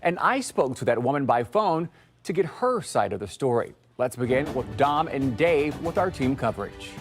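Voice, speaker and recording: A man's voice: mid-range voice, big pitch swings, moderate pace, soft background music. Man co-anchoring a news broadcast. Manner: smooth, scripted handoff delivery.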